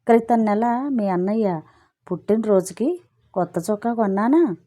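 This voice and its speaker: A woman's voice: mid-range voice, moderate pace, dark tone, natural voice. A woman reading a story and voicing a chatty married woman who complains breezily and justifies herself. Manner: breezy, gossipy, self-justifying.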